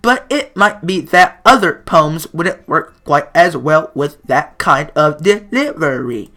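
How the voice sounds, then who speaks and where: A man voicing a calm teenage girl who leads a club, reading her lines as a slow, mechanical robot in a visual-novel game. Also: fairly high pitch, soft background music, exaggerated voice. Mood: robotic.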